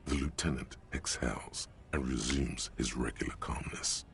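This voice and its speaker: A very deep, gravelly game narrator. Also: male voice, steady tone, a bit bright. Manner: slow, deliberate narration.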